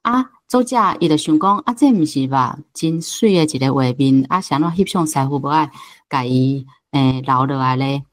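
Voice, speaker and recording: A woman with a Taiwanese accent, a book club host appearing as a guest speaker, offers reflective, unscripted commentary. Her low voice is animated and moderately paced, with frequent hesitations and trailing particles.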